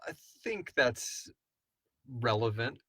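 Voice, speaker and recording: Taking it slowly in a sing-song, slightly bright voice of medium pitch with a breathy edge, a man co-hosts a live Q&A for his audio drama podcast, which he also produces. He reads listener questions aloud and answers them in a loose, rambling, joking way. It's a dry, studio-quality recording.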